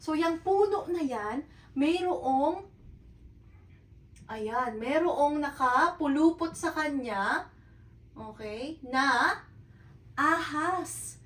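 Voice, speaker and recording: Woman teacher, high voice, unhurried, patient and repetitive, echoey room, a little off-mic. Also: expressive, a bit bright, recorded from a distance. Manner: patient, repeats and checks with "okay?". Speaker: Japanese teacher. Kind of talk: hiragana lesson in Tagalog mixed with English.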